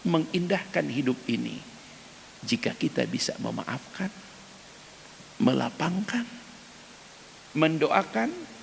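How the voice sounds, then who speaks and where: A male preacher gives an emphatic dawn sermon, speaking straight to the men in the congregation. His mid-pitched voice has a gravelly edge. It rings with long reverb through a mosque hall, over a faint hiss. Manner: acts out quoted prayers in loud, high cries. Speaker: ustadz preacher.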